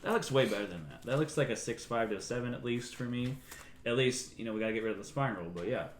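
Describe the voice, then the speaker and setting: A man's voice: mid-range voice, lively intonation, fast, reverberant, a little hiss or hum. A man hosting a casual chat, rambling with plenty of ums and likes. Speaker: host. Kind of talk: casual chat about comic collecting.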